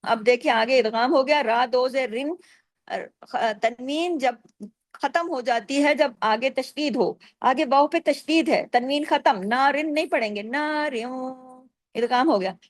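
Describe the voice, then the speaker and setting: A woman's voice: high voice, measured pace, no room sound. A woman teaching Quran recitation rules, explaining step by step and stretching out the recited examples. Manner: patient, explains step by step, asks and answers her own questions. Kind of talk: tajweed lesson with recited examples.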